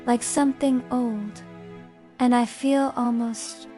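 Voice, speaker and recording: Woman playing a weary, haunted young woman, high-pitched. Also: steady tone, takes it slowly, warm tone. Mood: exhausted, entranced. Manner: drained, dreamy. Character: weary, haunted young woman falling under a vampire's spell. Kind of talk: horror audio drama monologue. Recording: music behind the voice. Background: music.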